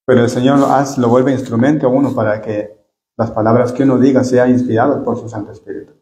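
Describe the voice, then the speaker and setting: Addressing his listeners earnestly as brothers, a man leads a Bible study sermon at church, frequently repeating words as he hunts for phrasing. He speaks fast in a mellow, medium-pitched voice with fairly even intonation.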